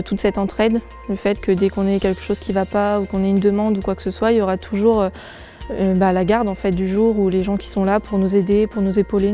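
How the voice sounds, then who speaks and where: Woman, 20s, firefighter; flat, level read with pauses, soft music bed. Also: medium pitch. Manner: level, hesitant, searching for words. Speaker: nurse and volunteer firefighter. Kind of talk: interview testimony.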